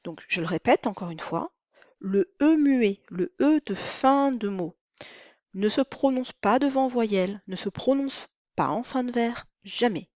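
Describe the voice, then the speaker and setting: A woman teaching a lesson on counting the syllables of verse, with a clear, deliberate delivery. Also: fairly high pitch, expressive, darkish tone, no echo, dull audio. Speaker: French teacher. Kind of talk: recorded lesson.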